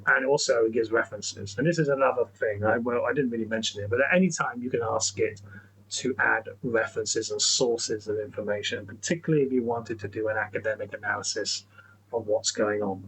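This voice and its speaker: A man's voice: lowish voice, fairly even intonation, brisk, fairly bright tone, a little hiss or hum, rough recording. A man talking through a screen-recorded tutorial in a chatty, rambling way, restarting sentences and saying "okay, so" often. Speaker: tech educator.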